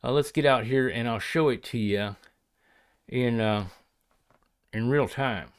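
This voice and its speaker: Man, folksy, hesitant and rambling, casual hobby vlog, medium pitch. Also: a little slow, smooth. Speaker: pipe hobbyist and leather crafter showing his work. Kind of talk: casual vlog chat to viewers.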